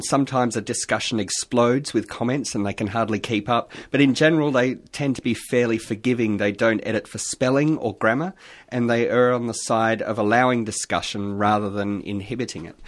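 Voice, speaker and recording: Chatty man telling moderation stories. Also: medium pitch. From Australia. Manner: chatty, animated storyteller who reads posts aloud. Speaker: online community moderator, studio guest. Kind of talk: radio panel discussion.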